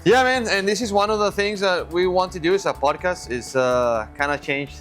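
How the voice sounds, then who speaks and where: A man's voice: sits high, moderate pace, fairly bright tone, faint music behind. Man, easygoing podcast co-host. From Venezuela. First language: Spanish. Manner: friendly, easygoing, repeats words while thinking. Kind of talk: casual podcast chat.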